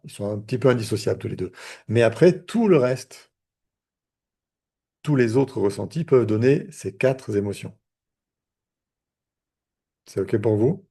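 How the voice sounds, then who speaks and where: A man's voice: on the low side, creaky, mellow, slightly rough. A man, a therapist, teaching a live online lesson in a conversational way, with many fillers and restarts. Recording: video call audio.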